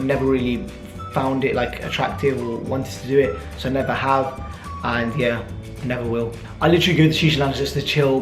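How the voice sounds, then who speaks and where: This casual Q&A vlog has a young adult man with a British accent informally answering viewer questions to camera, his mid-range voice sounding reverberant. Born and raised in the UK, he spent his teenage years in Dubai.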